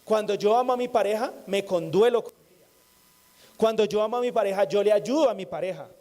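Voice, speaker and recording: A man preaching to a congregation, his voice pitched high yet mellow and soft-edged. He talks like a conversation, repeating key phrases and tossing in light jokes. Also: fairly quick. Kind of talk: sermon.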